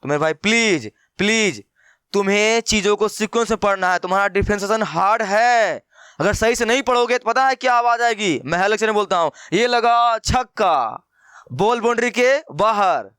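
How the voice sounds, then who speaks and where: A man's voice: sits high, a little fast, pushed and bright, smooth, dry recording, studio quality. A man teaching a math lesson in a playful, teasing way, talking straight to his students. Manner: teasing, acts out students' replies, addresses viewers as brother. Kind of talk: playful classroom lecture.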